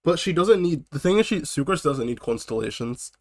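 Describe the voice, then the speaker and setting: This man's voice is on the high side and expressive, moving a little fast as he chats loosely on a live stream despite having a cold. He greets viewers and interrupts himself with laughs and coughs.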